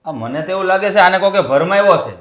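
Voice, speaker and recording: A stern, scolding elder brother. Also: male voice, high voice, animated, fast talker, fairly bright tone. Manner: scolding, exasperated. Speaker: elder brother running the family business. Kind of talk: Gujarati family stage drama.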